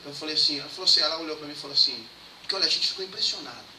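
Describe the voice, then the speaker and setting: A young man preaching a storytelling sermon at a brisk clip, acting out each exchange. His fairly high voice rings through an echoey church hall, picked up from a distance with steady background noise. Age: young adult. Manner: lively anecdotal preaching, acts out dialogue. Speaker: pastor.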